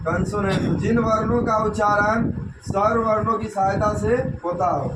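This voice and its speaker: High-voiced teacher quizzing a class. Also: male voice, fairly even intonation, normal speed, distant mic. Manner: quizzing the class with repeated questions. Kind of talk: classroom grammar lesson. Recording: echoey classroom with noise.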